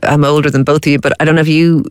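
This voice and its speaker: A woman's voice: deep voice, little pitch movement, very fast, clean tone, no room sound, clean studio sound. A middle-aged woman with an Irish accent, hosting a casual, conversational chat. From Ireland. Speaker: host.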